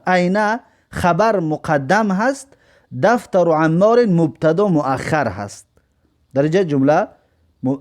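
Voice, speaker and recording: A man teaching Arabic grammar. He draws out the example sentences slowly and then explains them briskly. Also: high voice, darkish tone. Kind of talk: recorded grammar lesson.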